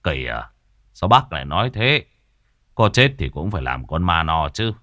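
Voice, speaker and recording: A man's voice: deep voice, sing-song, normal speed, sharp tone, no echo, voice pushed down, full character voice. A frightened older villager, voiced by a male storyteller begs in a humble, stammering way. His voice rises and falls widely, sounding dry and close to the mic. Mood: weary resignation.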